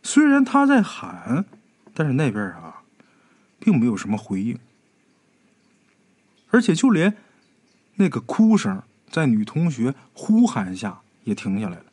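A man narrating a ghost story in a dramatic, animated storytelling manner. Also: mid-range voice, a little slow, pauses often, breathy edge.

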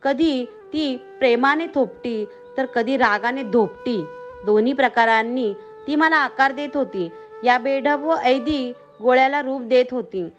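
A woman narrating a story in a steady, measured reading manner. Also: sits high, soft background music.

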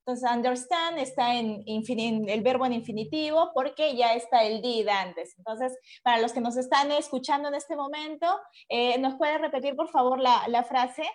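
A woman's voice: high voice, normal speed, few pauses. A woman hosting an educational talk, recapping for listeners and agreeing with her guest. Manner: short agreeing replies and recaps. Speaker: host.

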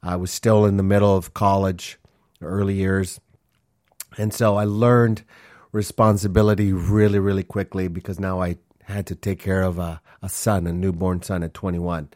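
The host of this casual solo podcast is a man in his forties, Honduran by birth and raised in Minnesota, who talks in an earnest, rambling way full of fillers and restarts. His low voice is level and a little mellow, at a moderate pace. The recording is dry and studio quality.

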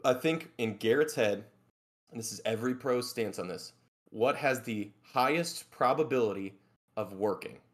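A man guests on a casual sports podcast, laying out a long explanation at a middle pitch. He keeps checking in with his listeners as he goes. He sounds relaxed and talkative. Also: normal speed. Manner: explanatory storyteller, tags lines with "right?".

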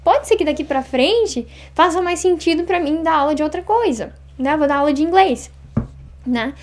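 A woman in her thirties from Brazil, chatting as an interview guest, talking fast and acting out little quoted exchanges. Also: high voice, animated, darkish tone. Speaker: interview guest, Japanese teacher. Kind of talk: casual interview chat.

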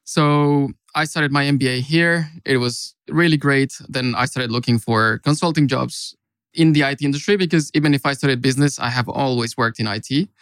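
Relaxed Mexican man recounting his path. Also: mid-range voice, fairly quick, dry recording. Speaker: consultant, podcast guest. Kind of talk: casual interview storytelling.

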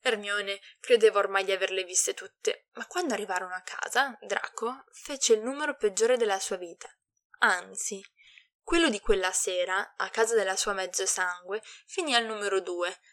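A woman narrating a fan fiction story aloud in a steady, even reading voice. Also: medium pitch, moderate pace, no room sound.

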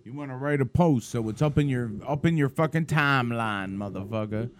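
A man's voice: medium pitch, fairly quick, slight background noise. A man co-hosting a live podcast, joking crudely and swearing freely in casual banter. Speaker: co-host.

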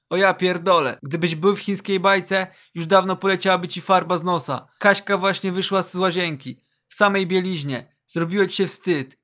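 A man with a high, bright voice tells a casual second-person story. His delivery is slangy and joking, tossing internet asides into the narration. The tone is light and crisp, pitched well above most men. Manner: slangy, jokey, reads internet asides aloud.

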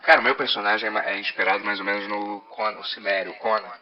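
A man's voice: fairly low pitch, steady tone, fast, lo-fi sound. A Brazilian man co-hosting a podcast with a half-robotic voice filter, bantering playfully and pretending to be a machine. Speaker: podcast co-host. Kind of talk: casual jokey banter. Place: podcast studio.

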